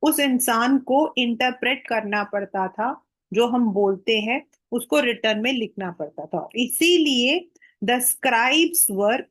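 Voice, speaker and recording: Slow, higher-pitched woman teacher. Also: rough recording. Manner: reads English textbook lines slowly, explains in Hinglish. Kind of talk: Hindi-English mixed classroom lecture.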